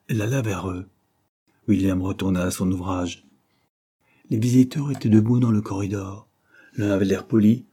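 A man reads a classic novel aloud in steady, scripted narration. His voice sits low, dark and mellow, with a husky grain throughout. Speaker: audiobook narrator.

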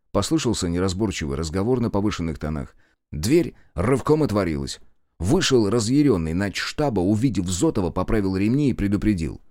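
A man narrating an audiobook in a measured, expressive storytelling manner. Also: low-pitched, no room sound, clean studio sound. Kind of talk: scripted narration.

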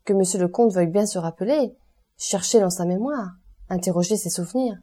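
A woman reading the part of a nervous, servile male steward who speaks in a hurried, flustered way, in an audiobook. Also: medium pitch, mellow, natural voice.

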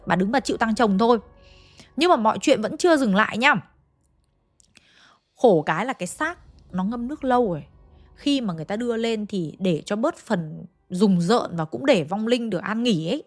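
A woman narrating a ghost story in a chatty way, often turning to address her listeners directly. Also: medium pitch.

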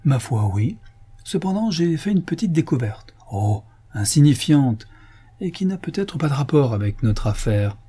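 A man reading a sardonic gruff police inspector. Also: on the high side, sing-song, normal speed, mellow, voice pushed up. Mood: ironic. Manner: ironic, offhand. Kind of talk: audiobook reading.

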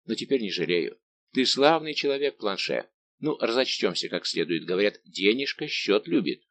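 A man's voice: lowish voice, sing-song, normal speed, a bit bright. A man voicing a bold male musketeer who speaks in a hearty, commanding way. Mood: warm.

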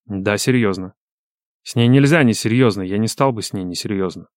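A man voicing a gruff, weary tough male friend in an audiobook. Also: lowish voice, fairly quick, no echo, clean studio sound, close to an everyday voice. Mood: earnest.

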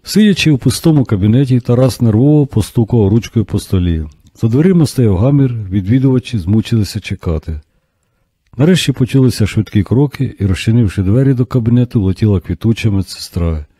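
A man reading an audiobook as narrator in a steady, even scripted narration. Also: medium pitch, brisk, breathy edge, dry recording.

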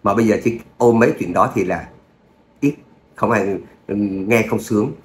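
Guy reading a serial story, lowish voice, echoey room. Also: normal speed. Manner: chatty, with filler words, then a steady reading. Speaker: audio story narrator. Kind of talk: casual chat, then story narration. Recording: roomy echo, faint hum.

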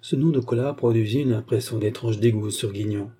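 Reading from a novel, this male audiobook narrator speaks at a fairly low pitch in a very dark, husky voice. He stays measured and steady, keeping an even, unhurried flow throughout.

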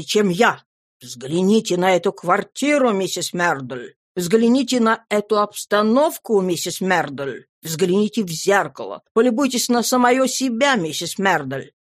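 A woman voicing an absent-minded, sulky rich middle-aged businessman in a low, slow mumble in a storybook reading. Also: darkish tone, dry recording, studio quality.

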